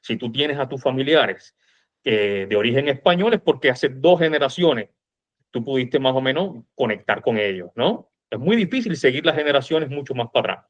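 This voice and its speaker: A man with a Cuban accent, from Cuba, discusses history in an animated, informal, emphatic, colloquial way. His voice is medium-pitched, lively, and at a moderate pace, on a slightly dull recording.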